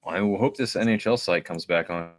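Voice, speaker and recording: Low-voiced man chatting on a podcast. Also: fairly quick. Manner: chatty, relaxed, explains at length. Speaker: podcast co-host. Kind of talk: casual watch-party chat.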